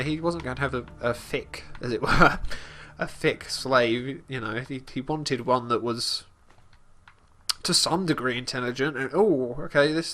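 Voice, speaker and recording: A man casually commenting on his gameplay as host, talking about his character in third person with halting restarts and fillers. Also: mid-range voice, fairly bright tone. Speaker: let's play host.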